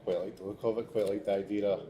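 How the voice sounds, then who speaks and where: Low mellow-voiced Scottish man chef. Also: racing, slight background noise. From Scotland. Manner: steady, plain-spoken, with some restarts. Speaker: chef and teacher. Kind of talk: casual interview chat. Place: restaurant.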